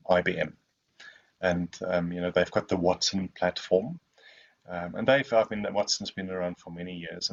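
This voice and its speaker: A guest speaker whose first language is Afrikaans fields questions in a webinar, rambling with many fillers and frequent sentence restarts. His voice is fairly low, and the audio sounds somewhat muffled and lo-fi.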